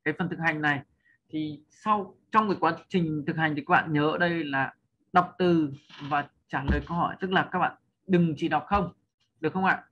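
A man's voice: on the high side, moderate pace, sharp tone, dull audio, slight background noise. A man teaching English pronunciation in a patient spoken lesson, often checking in with his listeners and drawing out model sounds for them to repeat. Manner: draws out and lifts model sounds for learners. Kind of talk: spoken lesson explaining over slides.

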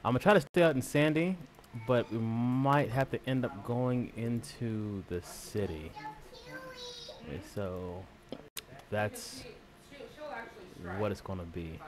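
A man's voice: fairly low pitch, slow, pauses often, crowd noise. A man streaming a driving game, talking casually to his viewers and friends with lots of fillers and slang. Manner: laid-back slangy talk with frequent fillers. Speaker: streamer and server owner. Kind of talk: casual gaming stream chat.

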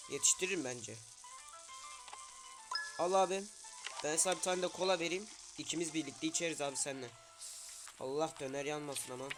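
Male gaming streamer, casual running talk with loud outbursts, faint music bed. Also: a little high. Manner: talks to game characters, loud sudden outbursts. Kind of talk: casual game commentary.

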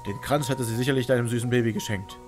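Man reading as a calm, ageless male traveller. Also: mid-range voice, fast talker, music in the background, close to an everyday voice. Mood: calm, consoling.

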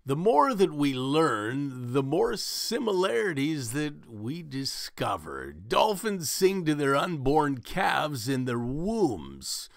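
Male podcast host, nature documentary narration, swooping pitch, creaky edge, deliberate emphasis and dramatic pauses. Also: fairly bright tone, no echo, studio quality.

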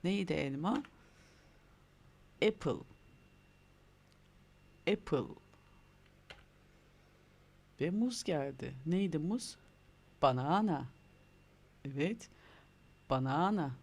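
Encouraging male teacher with a gravelly voice. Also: a little high, expressive, extremely slow, pauses often. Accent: Turkish. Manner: encouraging, prompting children to repeat words. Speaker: primary school English teacher. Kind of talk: online lesson for young children.

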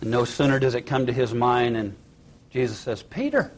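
Man, preacher, sermon, dramatic delivery, swings from high and loud to hushed. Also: flat delivery, moderate pace, slight background noise. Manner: dramatic retelling with acted quotes, rising and dropping to a hush.

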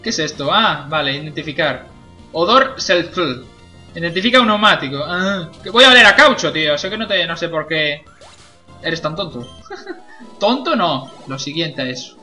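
Lively, joking gamer man. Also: a little high, normal speed, soft background music. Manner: jokey, swears a lot, laughs at own jokes. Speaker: gameplay commentator. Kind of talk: casual let's play commentary.

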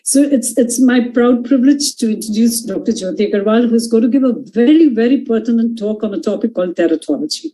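A woman's voice: a little high, fast, few pauses, warm tone, low-quality recording. An older woman, making a formal introduction as moderator on a video call. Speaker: webinar moderator introducing the speaker. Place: living room at home, video call. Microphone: video call microphone.

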